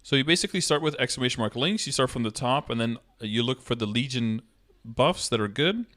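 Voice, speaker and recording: With lively intonation and a brisk pace, a man in his thirties explains things step by step in a mid-range, fairly bright voice. He's a game streamer doing a casual live tutorial, taking questions from chat. The setting is an indoor room with a streaming setup and a close mic.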